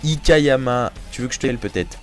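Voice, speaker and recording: A man's voice: mid-range voice, quick pace, music in the background. A man hosting a live show in casual chat, reading out listener messages with joking banter. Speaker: host.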